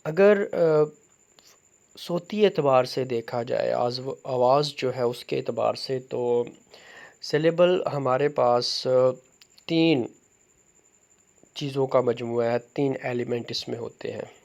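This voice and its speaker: A man giving an explanatory lecture on phonology, slow and deliberate, with frequent fillers. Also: medium pitch, creaky, a little mellow. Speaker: teacher.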